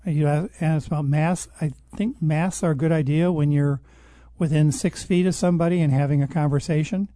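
A man with a mellow voice that sits a little high talks through his views in a measured, explanatory way. He often stops and restarts his sentences. The sound is dry and close. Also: fairly even intonation, no echo. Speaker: guest expert on public health. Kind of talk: conversational interview answers.

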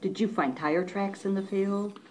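Female interviewer putting questions, medium-pitched, slightly noisy recording. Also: measured pace, a little mellow.

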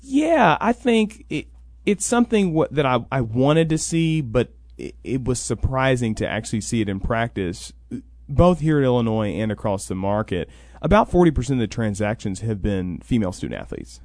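A man appearing as a guest on a radio sports talk show explains his role as college NIL program coordinator in a conversational way, frequently voicing what others would say. The studio-quality recording has no room sound, and his mid-range, slightly mellow voice moves at a moderate pace with big pitch swings.

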